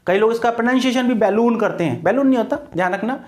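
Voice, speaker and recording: A man's voice: very high-pitched, very fast. A man teaching English vocabulary for exam prep, spelling words out letter by letter and repeating key words. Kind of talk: online exam-prep lecture.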